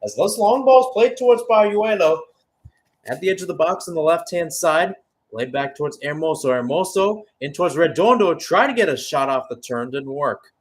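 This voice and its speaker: A man with a voice on the high side gives live radio-style football play-by-play, expressive and at normal speed. As commentator, he blends calls of the action with conversational analysis, hesitating and correcting himself along the way.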